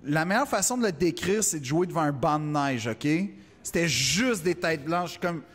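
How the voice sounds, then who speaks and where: Heard in a large hall, a man speaking at normal speed with a somewhat high voice and a Québécois French accent tells a stand-up story casually. He's an animated storyteller who acts out the people in it.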